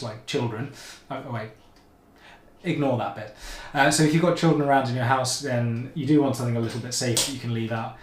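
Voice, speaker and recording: Male maker host, casual rambling demo, mid-pitched, recorded in an echoey home kitchen. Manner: rambling, chatty, self-correcting with asides. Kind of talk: casual tool demonstration. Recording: echoey room, faint ambience.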